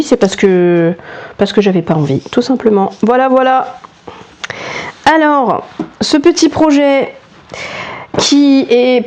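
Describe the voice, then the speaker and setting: A woman's voice: a little high, a little mellow. A woman vlogging casually about her cross-stitch projects on a lapel mic, chatty and self-mocking, with many restarts. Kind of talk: casual chat.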